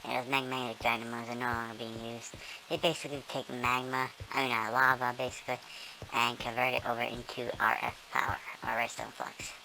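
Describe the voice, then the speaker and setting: Squeaky and squirrel-small thanks to a voice-morphing filter, a gamer casually walks through their build with many ums and self-corrections. Their delivery is flat, a little fast, creaky, pushed, and bright. The low-quality recording has a bit of hiss or hum.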